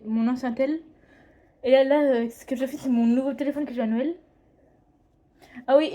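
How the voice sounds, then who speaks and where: A woman's voice: high voice, warm tone. A teenage girl chatting casually in a home drawing vlog, rambling, hesitant and often correcting herself. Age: teens. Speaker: drawing vlogger. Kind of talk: casual chat. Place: home, indoors.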